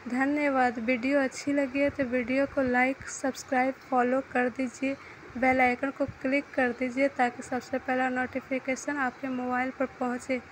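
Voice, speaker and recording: A woman narrating a romance story in a steady, plain storytelling manner, then asking listeners to subscribe. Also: sits high, normal speed, a little hiss or hum, low-quality recording. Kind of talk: read-aloud story narration.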